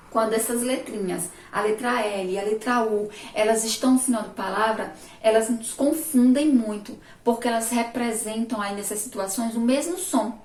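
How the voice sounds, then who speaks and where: A woman teacher from Brazil giving a remote lesson for young children, patiently repeating words slowly, syllable by syllable. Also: fairly high pitch, darkish tone. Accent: Sergipe Brazilian Portuguese. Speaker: primary school teacher. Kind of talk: remote class lesson at a board. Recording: echoey room, recorded from a distance.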